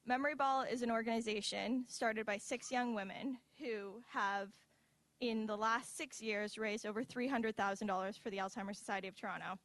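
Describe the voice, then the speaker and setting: A woman's voice: fairly high pitch, fairly even intonation, moderate pace, a bit bright, a little hiss or hum. A woman in her twenties giving an earnest, heartfelt personal speech at a university symposium, with light asides. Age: 20s. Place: university event hall.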